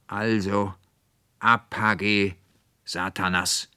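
Man reading as a cranky pompous old schoolmaster, deep low grumbling, dry close sound. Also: level tone, extremely slow, pushed and bright, clear, resonant tone, no room sound, full character voice. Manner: grumbling, indignant. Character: irritable older male schoolmaster, pompous.

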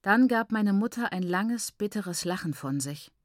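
A woman's voice: medium pitch, lively intonation, measured pace, no echo. Woman narrating an audiobook, dry sound. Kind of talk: scripted narration.

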